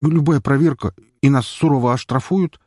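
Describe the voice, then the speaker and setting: A man's voice: moderate pace, dry recording, clean studio sound, lightly acted. A man voicing a flustered, evasive middle-aged male doctor who speaks in a nervous, raised voice. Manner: nervous, high-pitched and excited.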